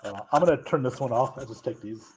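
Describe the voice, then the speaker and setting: A man on a video call chatting casually, his mic so muffled and low that he sounds like he's inside a barrel. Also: quick pace. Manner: says he has a cold. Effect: muffled low mic, like talking inside a barrel. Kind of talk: casual chat. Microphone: faulty mic on a remote call. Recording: muffled remote mic with faint noise.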